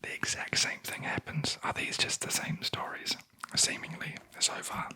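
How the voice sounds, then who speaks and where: Whispered sleep story narrator, ASMR, very breathy, crisp sharp sibilance, wry deadpan storyteller. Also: normal speed.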